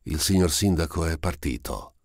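A calm, sad nun speaks gently to soothe a sick woman, as a man reads her lines. The voice is very deep and close, with a dry sound. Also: moderate pace, no echo, heavily acted. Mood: soothing.

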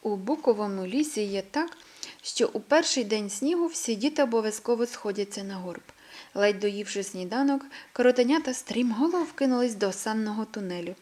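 A woman reading a children's story aloud in a gentle, expressive way. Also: on the high side, normal speed.

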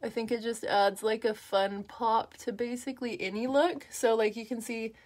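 A woman's voice: fairly high pitch, steady tone, normal speed, a little mellow. A woman talking through a makeup tutorial in a chatty, upbeat way, with lots of fillers as she works. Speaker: makeup artist.

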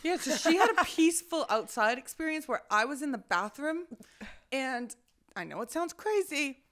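A woman's voice: high-pitched, very animated, normal speed, fairly bright tone. A woman co-hosting a podcast in casual chat, loose and joking, and she swears freely. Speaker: podcast co-host.

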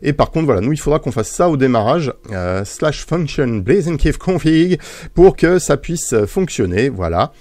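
A man's voice: on the high side, sing-song, normal speed, a little mellow, no room sound. A man hosting a gaming video in casual, playful commentary, with many hesitant fillers. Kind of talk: casual let's-play commentary.

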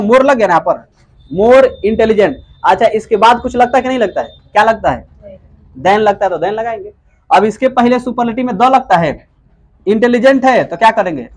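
Man, grammar teacher, high voice, lecture style, asks and answers his own questions. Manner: asks rhetorical questions and answers them himself; repeats key words slowly for emphasis. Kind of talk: classroom lecture.

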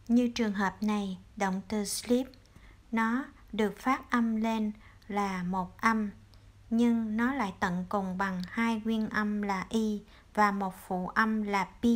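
A woman with a Vietnamese accent teaching an English grammar lesson to children, patiently spelling out example words. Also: medium pitch. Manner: calls herself teacher, addresses pupils as children, drawn-out example words.

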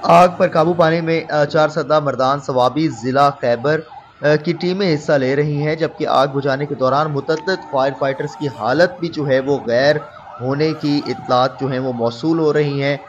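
A man's voice: on the high side, steady tone, normal speed, slight background noise. Man reading breaking news, lo-fi. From Pakistan. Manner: formal Urdu news wording with frequent fillers and restarts. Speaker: news vlogger reporting. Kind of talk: news report voice-over.

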